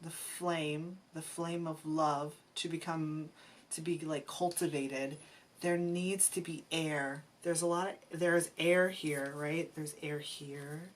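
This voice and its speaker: A woman giving an intuitive tarot reading, musing aloud in a halting way, often restarting her sentences and sometimes getting emotional. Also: low voice, fairly even intonation, slight background noise. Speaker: tarot reader.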